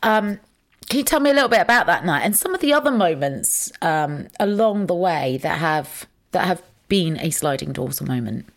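A woman's voice: fairly low pitch, expressive, normal speed. A woman hosting a podcast and interviewing a guest with poised, structured questions. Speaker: podcast host.

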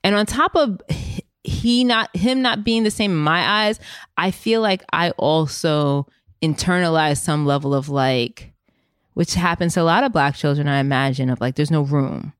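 A woman hosting a podcast, telling a personal story in casual chat, rambling with many fillers and getting animated and emotional. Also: low voice, moderate pace, dry recording, clean studio sound. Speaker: podcast host.

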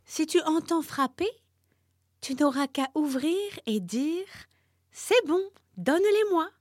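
A woman voicing a small, sly, cheerful female tortoise in a storybook reading, with a bright, eager, sing-song delivery. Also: sits high, lively intonation, slow, dry recording, clean studio sound, voice pushed up.

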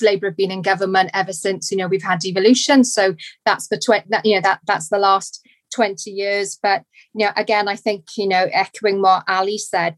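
A woman's voice: medium pitch, no echo. A woman, speaking conversationally as a guest on a panel, feeling her way through her phrases. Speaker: podcast guest, national director of a social work body.

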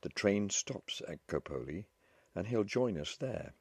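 A man voicing a kindly older military officer who speaks briskly and reassuringly. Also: lowish voice, animated, husky, no echo, voice pushed up. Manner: brisk at first, then gentle and reassuring.

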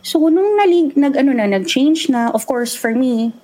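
A woman's voice: sits high, normal speed, rough recording. A young adult woman telling a personal ghost story in casual chat, acting out the voices she quotes. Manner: animated, acts out quoted voices.

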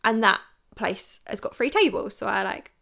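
Chatty young woman with a gravelly voice. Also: mid-range voice, normal speed. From England. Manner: chatty, animated, lots of "like". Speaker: podcast host. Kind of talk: casual storytelling. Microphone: podcast mic.

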